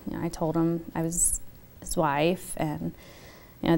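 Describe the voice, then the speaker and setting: A woman being interviewed for a documentary, recounting in a halting, soft-spoken way with many pauses. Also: fairly low pitch, clean tone. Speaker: interviewee, widow.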